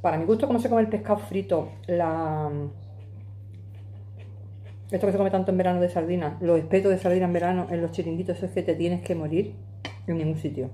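Seated in her kitchen with a phone camera propped on the table, a Madrid woman in her forties eats and chats casually to the lens. Her voice is on the low side, dark and steady in tone, and fairly quick; a little hiss or hum is audible. She's emphatic and chatty, gesturing with her hands as she talks.

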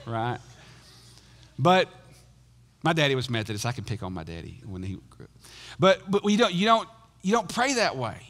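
High-voiced pastor preaching. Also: male voice, big-room sound. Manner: dynamic, swings between loud emphatic bursts and hushed intensity. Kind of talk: sermon.

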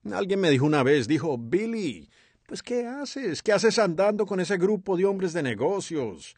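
A man voicing over a sermon as a dub, with a lively, expressive delivery. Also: high-pitched, measured pace, husky, no room sound. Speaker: sermon interpreter.

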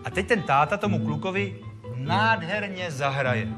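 A man giving a lively storytelling talk to a live audience, joking and acting out the characters. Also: a little high. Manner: animated, jokey, acts out the characters. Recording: music playing behind.

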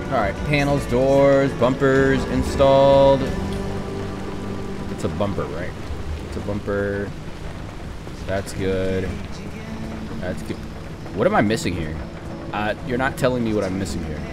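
A man casually commentating a game he plays, excitable, swearing and talking to himself. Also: on the low side, unhurried, pauses often. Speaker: gaming YouTuber. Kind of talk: casual let's-play commentary. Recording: game music playing under voice.

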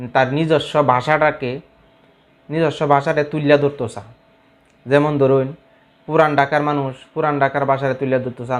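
A man from the Mymensingh region of Bangladesh vlogging in his local Bengali dialect, talking casually to camera with a rambling, halting delivery. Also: mid-range voice.

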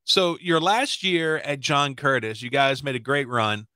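A man in his forties hosts a casual sports interview from an indoor streaming setup, upbeat and emphatic, close on the mic. His medium-pitched voice is pushed and bright yet smooth, a little slow, with no echo.

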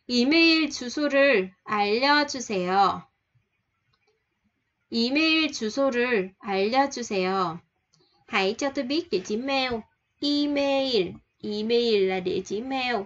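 A woman teaching vocabulary, repeating each word and example sentence and then explaining it slowly. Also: mid-range voice. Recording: slightly dull, lo-fi sound.

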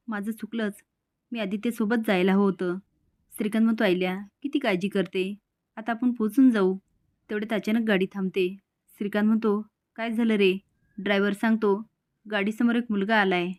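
A woman's voice: mid-range voice, darkish tone, no room sound, clean studio sound. A woman retelling a TV serial episode as a story, reading all the characters' lines in her own plain voice. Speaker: narrator recapping a TV serial episode. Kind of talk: storytelling recap with quoted dialogue.

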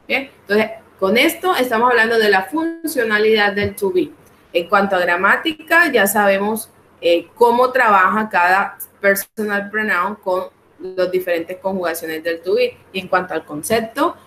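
A Colombian woman with a Colombian Spanish accent, teaching an English class online and slowly modeling each English phrase. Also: medium pitch, a bit bright, reverberant, slight background noise, low-quality recording.

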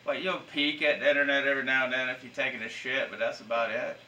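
Profane, rambling man, bright voice. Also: medium pitch, level tone, fast, recorded from a distance, a little hiss or hum. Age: 30s. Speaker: podcast host. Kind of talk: casual chat.

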